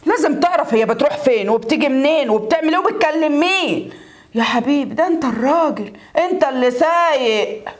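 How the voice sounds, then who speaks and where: A woman's voice: high voice, lively intonation, fast talker. A woman with an Egyptian accent playing a suspicious, scheming mother-in-law who nags her son. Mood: nagging. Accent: Egyptian Arabic. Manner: nagging, needling, scolding.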